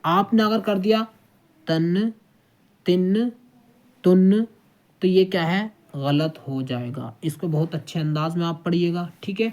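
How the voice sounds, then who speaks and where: A man's voice: fairly high pitch, hardly any pauses. A man teaching children to read the Quran, sounding out each syllable three times and often checking that they follow. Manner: keeps checking with "okay?". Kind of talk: children's recitation lesson.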